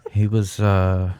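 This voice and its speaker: A man's voice: lowish voice, clean tone, dry recording. A man co-hosting a comedy podcast, joking around casually and swearing freely. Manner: swears freely, jokey, excitable. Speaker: podcast co-host.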